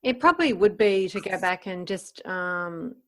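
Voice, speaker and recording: A podcast host from the Gold Coast in Queensland, Australia, interviews a guest in a casual, encouraging way, using plain words and an Australian accent. Her voice is lowish and fairly bright, with lively intonation and an unhurried pace.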